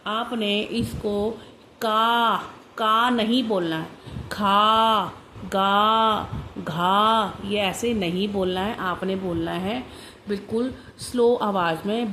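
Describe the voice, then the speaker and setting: Woman teacher, slow deliberate letter drills, mid-pitched voice, noisy hiss behind. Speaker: primary teacher. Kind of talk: instructional lesson for parents and children.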